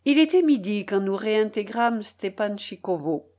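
Reading a classic novel aloud at normal speed, a woman audiobook narrator delivers a steady literary narration with expressive, dramatic flair, her voice climbing and dropping widely in pitch to follow the story.

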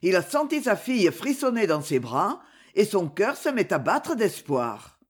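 A woman narrating a classic novel for an audiobook in an expressive, theatrical manner. She reads slowly and deliberately, her melody rising and falling with lively variety. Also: medium pitch, husky.

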